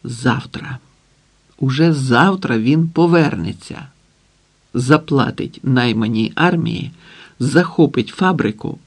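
A man's voice: medium pitch, slow, breathy edge. Man narrating an audiobook. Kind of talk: scripted novel narration.

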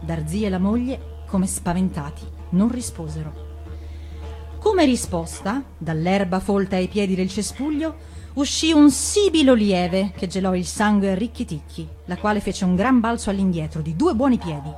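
A woman, an actress, reading a fairy tale aloud on the radio with expressive, measured narration. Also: mid-range voice, soft background music.

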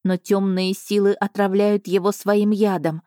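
Reading the audiobook, the narrator lightly acts the island's ancient female spirit, now imploring tearfully. The delivery is slow and solemn, medium in pitch with little movement, and her mellow, dark voice is captured close and dry.

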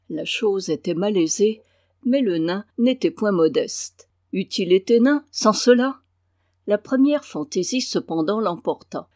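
An audiobook reader tells a classic novel in an even, measured way. The voice sits at a middle pitch. The recording is dry and close, with no room echo. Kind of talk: scripted narration of a classic novel.

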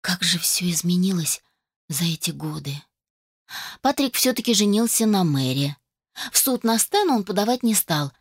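A woman reading a first-person novel aloud as an audiobook narrator, in an even storytelling way. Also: fairly low pitch, moderate pace, slightly rough, no room sound, studio quality.

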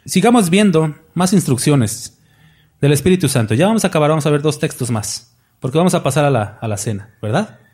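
Man, pastor, folksy sermon, a bit high voice, asks the flock questions. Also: animated, a little fast, darkish tone, breathy edge. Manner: folksy, jokes and questions the congregation.

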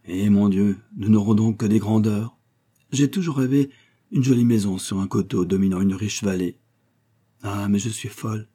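A man voicing a gentle, wistful young noble lady in an audiobook, with soft, earnest courtly speech. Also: fairly low pitch, normal speed, natural voice. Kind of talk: audiobook character voice.

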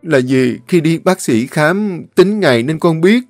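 A man's voice: a little high, expressive, unhurried, dry recording, soft background music, voice pushed up. A man voicing a guilty young adult son, speaking hesitantly and apologetically.

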